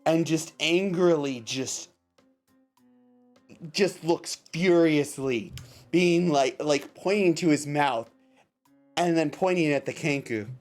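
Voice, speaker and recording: A man narrating a tabletop game as game master, improvising in a halting way with repeated phrases. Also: a little high, darkish tone, soft background music.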